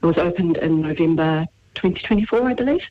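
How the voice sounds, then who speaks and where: Fast-talking and with lively intonation, a woman from England with a fairly low voice phones a radio show as a caller. She chats casually and warmly about her town, hesitating with lots of fillers, and the phone line sounds muffled.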